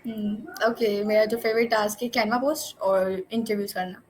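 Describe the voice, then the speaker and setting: On an online video call from home, a young Pakistani woman appears as a student guest in an interview, speaking through a computer or phone mic. She talks casually and playfully, full of fillers and self-corrections, in a mid-range voice with fairly even intonation at a moderate pace. Slight background noise is audible.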